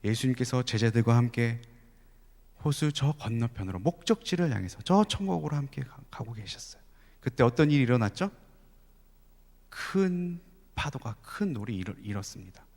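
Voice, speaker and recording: A man preaching a sermon at a youth service, animated, with frequent rhetorical questions and occasional soft asides. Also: mid-range voice, normal speed. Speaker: youth pastor. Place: large church sanctuary. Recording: long church hall reverb.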